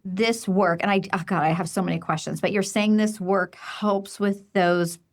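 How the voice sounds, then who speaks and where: A woman podcast host with a gravelly, fry-tinged voice talks with eager enthusiasm. She affirms her guest warmly and jumps in with questions. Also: medium pitch, steady tone, normal speed. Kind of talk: conversational podcast interview.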